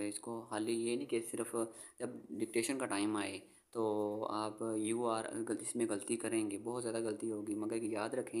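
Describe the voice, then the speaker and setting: A male teacher giving a phonics lesson, spelling words out letter by letter and patiently repeating each word twice. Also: medium pitch. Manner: frequent "theek hai" check-ins to the viewer. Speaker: English teacher.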